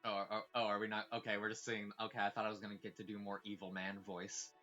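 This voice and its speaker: A man with a somewhat low but bright, forceful voice reads game narration aloud with expressive delivery. Between passages he drops into casual, swearing chat. Soft game music plays behind him. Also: quick pace, muffled recording. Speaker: let's play host reading a visual novel aloud. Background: faint game music.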